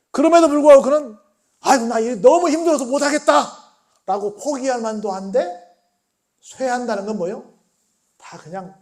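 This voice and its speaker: During a midweek church sermon, a male pastor keeps putting rhetorical questions to the congregation. His delivery swings between soft, low tones and raised exclamations.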